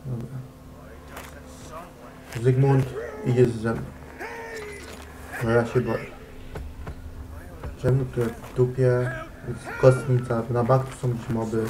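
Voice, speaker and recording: A man gives casual let's-play commentary on a horror game. He is jumpy and swears freely, and he chats to the objects he picks up. He talks at an unhurried pace over a noisy background. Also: medium pitch, flat delivery. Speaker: gamer.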